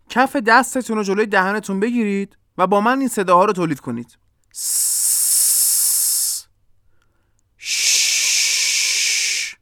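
A podcast host and English teacher giving a pronunciation lesson, explaining step by step and slowly demonstrating each sound. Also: mid-range voice, fairly bright tone, smooth, no echo, studio quality.

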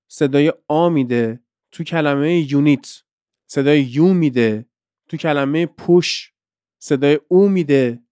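Podcast host and teacher, male, light-pitched and smooth, dry close-mic delivery explaining examples. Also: a little mellow, dry recording.

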